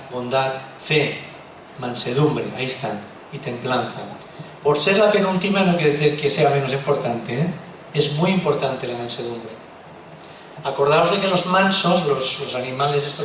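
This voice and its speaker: A man preaching a sermon, expressive and full of rhetorical questions. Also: mid-range voice. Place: church hall. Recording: echoey room from far off, faint noise.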